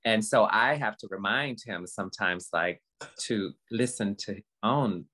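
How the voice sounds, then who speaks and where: Speaking frankly as an interview guest, a woman in her fifties has a very deep voice that is a bit bright with a breathy edge. She halts earnestly and repeats words for emphasis, sounding like an informal motivational speaker in conversation.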